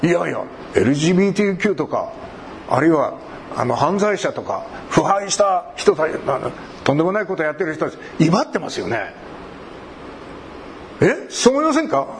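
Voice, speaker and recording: A pastor preaches a sermon in a very animated, slightly high voice, talking a little fast. He cracks jokes and acts out short everyday conversations, with a slight hiss or hum on the recording.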